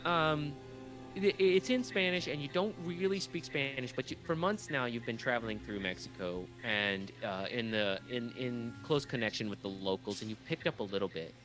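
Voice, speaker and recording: Young male GM, casual halting delivery, soft music bed behind. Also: mid-range voice, low-quality recording. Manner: loose, halting narration with many fillers. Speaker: game master. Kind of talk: narrating a tabletop game.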